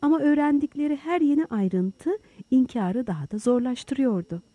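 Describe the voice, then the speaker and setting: Expressive woman narrating an audiobook. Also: high-pitched, moderate pace, no echo. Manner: expressive storytelling. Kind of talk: scripted narration.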